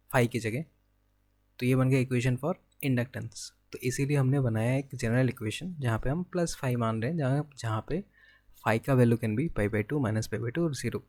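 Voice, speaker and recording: A man's voice: medium pitch, darkish tone. Indian man teaching physics step by step. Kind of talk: exam-prep lecture, working problems aloud.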